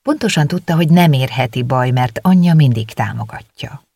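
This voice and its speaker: Audiobook narrator: steady, gravelly, dry studio sound. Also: mid-range voice, no echo. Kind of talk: scripted narration. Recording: dry close recording.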